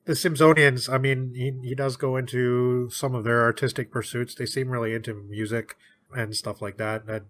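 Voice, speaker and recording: A man co-hosting a podcast, talking in a loose, rambling way about a book. His voice is bright and forward at a middle pitch. He laughs easily and slips into quick voices now and then. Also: level tone. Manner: chatty, laughs often, puts on quick voices for characters. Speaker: podcast co-host. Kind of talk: casual book discussion.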